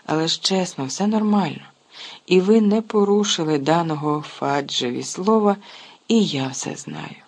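A reader voicing an anxious, brave teenage boy wizard who talks hurried and raised in a husky voice. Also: mid-range voice. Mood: eager, anxious.

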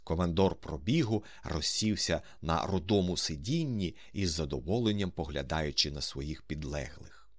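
A man narrating an audiobook with expressive, scripted storytelling. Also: rumbling low, moderate pace, no echo, studio quality.

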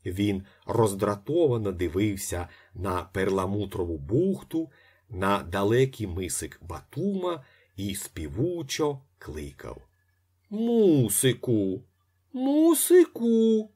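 A man reading a literary novel aloud as its narrator, with expressive swings in his voice. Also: slightly rough. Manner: expressive, with lively pitch swings.

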